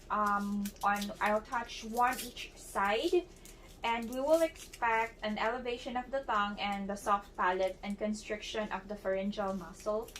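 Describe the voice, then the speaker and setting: In a medium-pitched, fairly bright voice, a young woman student performs a clinical examination demonstration, narrating every step and telling the patient what to do. She often restarts and uses fillers, and a distant mic picks up faint background noise.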